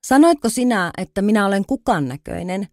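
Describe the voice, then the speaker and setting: A woman's voice: medium pitch, lively intonation, dry recording, clean studio sound, close to an everyday voice. A woman voicing a vain, aloof butterfly who thinks itself finer than flowers, in a storybook reading. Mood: haughty. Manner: haughty, self-satisfied.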